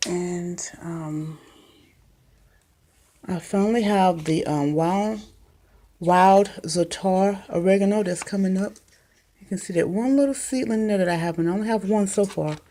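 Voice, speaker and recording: A woman with a warm, medium-pitched voice walks through her small makeshift indoor greenhouse at a measured pace, recording on a handheld phone. A gardening vlogger, she's casual, chatty, and meandering, with many ums and slight background noise.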